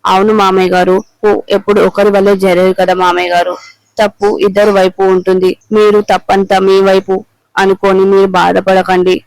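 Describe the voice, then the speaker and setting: A man reading the lines of a kind young daughter-in-law gently reassuring her father-in-law, in a clear voice. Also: high-pitched, monotone, normal speed, no echo, rough recording. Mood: consoling.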